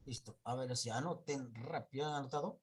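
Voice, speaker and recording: A man's voice: mid-range voice, fairly quick, slight background noise. A man teaching an online class, going over pupils' reading mistakes and counting errors aloud.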